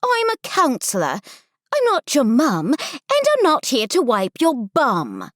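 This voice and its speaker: A woman voicing a bossy tall teenage girl camp counselor with a British accent, speaking brisk and blunt. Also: high voice, wildly swooping pitch, dry recording, studio quality, voice pushed up, full character voice. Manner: brisk, blunt, shouting through a megaphone.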